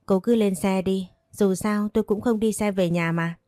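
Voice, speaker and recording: A woman narrator voicing a kind, gentle young man in an audiobook story. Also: mid-range voice, steady tone, normal speed, no room sound, studio quality, lightly acted.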